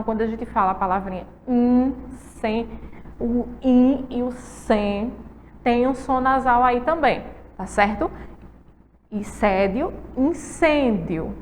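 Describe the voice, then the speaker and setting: A woman teacher giving a lesson to young children, speaking slowly, asking them questions and repeating words for them. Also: high-pitched, fairly bright tone, big-room sound, slight background noise. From Brazil. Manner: slow, coaxing, asks kids questions and repeats words.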